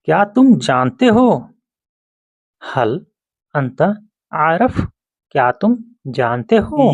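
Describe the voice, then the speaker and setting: Slow-talking man teaching word by word. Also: on the high side, dry recording, muffled recording. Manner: repeats each word slowly, Hindi then Arabic. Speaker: Arabic teacher. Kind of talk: vocabulary lesson.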